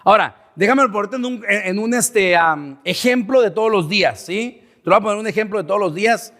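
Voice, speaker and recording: Speaking a little fast, the male pastor preaches to his congregation in a church sanctuary, his high, fairly bright voice trailing off into a long reverb tail. He repeatedly checks in with the listeners by asking "verdad?"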